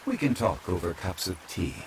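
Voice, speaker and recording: Steady rain accompanies a man whose deep, low voice brings to life an ancient, immortal gentleman from a fantasy game. Courteous, calm and old-fashioned, he uses measured, formal phrasing for a soothing ASMR roleplay, and background noise is present.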